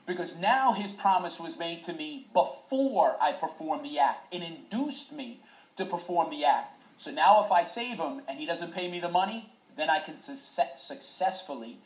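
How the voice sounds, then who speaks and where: Deadpan man telling a story in an echoey room. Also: a little high, moderate pace. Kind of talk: humorous classroom story.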